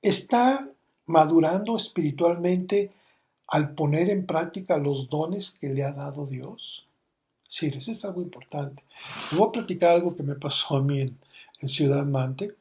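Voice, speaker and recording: A man's voice: a little high, measured pace, a little mellow. A middle-aged Mexican man, a pastor, teaching a church course in a conversational way, telling stories full of quoted dialogue. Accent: Mexican Spanish.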